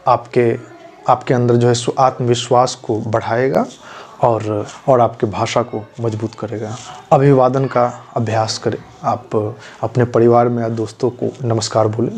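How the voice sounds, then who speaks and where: A man teaching beginners in a slow, deliberate voice, repeating each phrase and drilling its pronunciation. His pitch sits in a middle range. Faint noise runs behind him. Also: darkish tone. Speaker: language teacher. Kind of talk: spoken language lesson.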